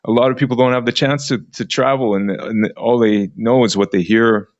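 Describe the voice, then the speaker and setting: A man's voice: mid-range voice, steady tone, fairly quick, dry recording, muffled recording. A man being interviewed as a DJ guest, talking in a friendly way and often repeating words as he starts a sentence. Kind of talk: casual live interview. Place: Hong Kong.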